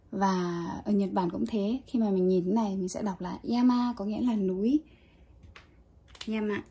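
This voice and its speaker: A woman teaching a casual Japanese kanji lesson, chatty and relaxed with small laughs. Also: fairly high pitch, breathy edge.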